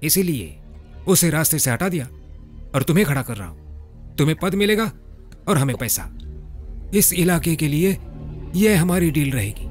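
A ruthless political boss in a dubbed film, giving orders coldly and deliberately. His voice sits a little high and moves a lot in pitch. A quiet film score plays under him. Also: big pitch swings, faint music behind. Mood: coldly scheming. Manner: cold, commanding, deliberate. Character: scheming middle-aged male political boss, ruthless. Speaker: villain. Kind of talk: Hindi film dub.

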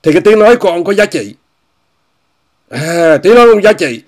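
A man delivers a casual commentary monologue in a somewhat high voice. He speaks straight to his viewers, repeats his phrases and mocks what he discusses. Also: big pitch swings, a little fast. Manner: repetitive, often repeats phrases and says "quý vị" often; scornful, mocking tone. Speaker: commentator hosting an online talk show.

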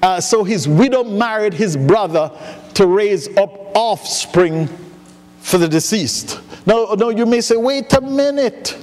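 A man's voice: high voice, expressive, a little slow, darkish tone. A man pastor preaching a sermon, telling a joke in a folksy storytelling way, with frequent restarts. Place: church sanctuary. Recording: echoey church hall.

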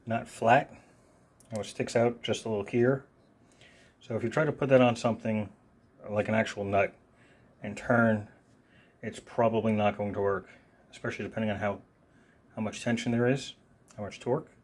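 A man with a fairly low voice, rambling through an off-the-cuff product demo. He talks loosely, fills his pauses with ums and uhs, and walks the viewer through each feature in turn. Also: a little mellow. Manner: casual, rambling, many fillers. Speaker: product reviewer. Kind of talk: unscripted one-take product demo.

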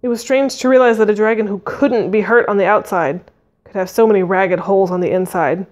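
A woman's voice: medium pitch, fairly quick, darkish tone. A woman reading a fantasy novel aloud, narrating expressively and voicing the dialogue. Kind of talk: audiobook reading.

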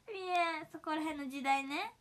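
Giggly high bright-voiced young woman. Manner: giggly, chatty, laughs often. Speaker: idol livestream host. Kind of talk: casual livestream chat, reading viewer comments.

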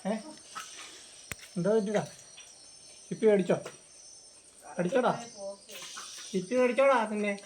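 A woman at home softly questioning a pet dog in a low, half-hushed tone. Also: measured pace, pauses often. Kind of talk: casual talk to pet dogs at home.

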